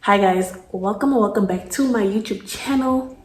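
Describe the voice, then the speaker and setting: A woman's voice: medium pitch, moderate pace. A young woman chatting casually while doing her makeup, rambling with lots of "like" fillers. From South Africa. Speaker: beauty vlogger. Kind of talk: casual get-ready-with-me chat. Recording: echoey room.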